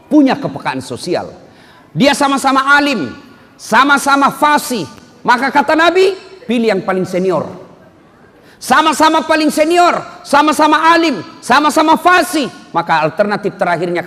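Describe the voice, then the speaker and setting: A high-voiced man preaches a humorous sermon with great animation, his pitch swinging widely as he acts out the characters in his stories. He lands his points in emphatic bursts. His voice carries the long reverb of a large hall. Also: a bit bright.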